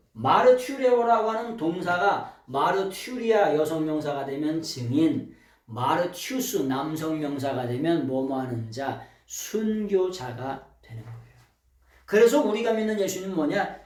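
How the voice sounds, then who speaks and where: Male pastor, high and lively voice, sermon in a roomy church, a bit far from the mic. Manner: preaching with call-and-response questions to the congregation; swings from loud shouting to quiet low asides. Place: church sanctuary.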